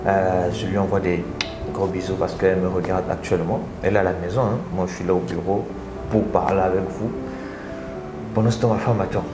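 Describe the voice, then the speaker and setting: Low-voiced man hosting a live stream from an echoey office. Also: a little fast, music in the background. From Republic of the Congo. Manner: energetic, repeats phrases, addresses viewers directly. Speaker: live stream host and speaker. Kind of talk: casual live stream talk to viewers.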